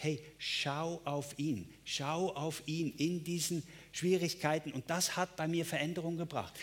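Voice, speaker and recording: A male pastor preaching a sermon, emphatic, with repeated phrases and direct address to listeners. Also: a little high.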